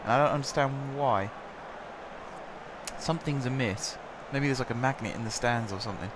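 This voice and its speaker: Background noise sits behind this gaming commentator, a young man with a sore throat whose mid-range voice moves at a normal speed. He talks his way through a football management game in a chatty, rambling style full of filler words.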